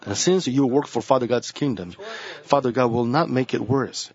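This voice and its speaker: A man's voice: mid-range voice, normal speed, a little mellow, muffled recording. A man preaching a sermon as senior pastor, earnest and repeating his key phrases.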